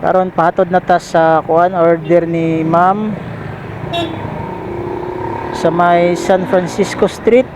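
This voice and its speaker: A Filipino motorcycle delivery rider with a Bisaya accent takes it slow in a high-pitched, flat voice, pausing often while casually vlogging in traffic. Informal and repetitive, he addresses viewers as pals, and his helmet intercom microphone records him over loud traffic noise.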